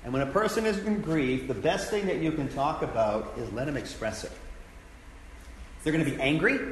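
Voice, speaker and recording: Earnest pastor in an echoey hall. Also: male voice, fairly high pitch, fairly bright tone. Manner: earnest, conversational, repeats key phrases. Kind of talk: teaching sermon. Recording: echoey hall with faint background noise.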